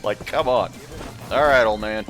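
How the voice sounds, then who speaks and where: A man's voice: lowish voice, a little slow, music in the background. A man giving casual, informal gameplay commentary, reacting aloud as he plays. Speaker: gamer playing a story game.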